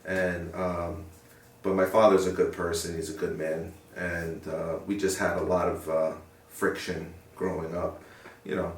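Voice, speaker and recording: A young man with a very low voice talks earnestly and reflectively in an interview, often stopping to find his words. He sits some way from the mic in a roomy space, with a faint hiss behind him. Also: flat delivery, measured pace. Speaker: interviewee, paramedic. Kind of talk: sit-down interview. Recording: roomy sound from a distant mic.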